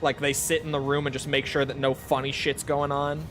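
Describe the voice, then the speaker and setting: Here a game streamer talks briskly in a flat, mid-range voice with a touch of brightness, soft music playing behind. He answers viewers casually, rambling along, running himself down, and swearing without much thought.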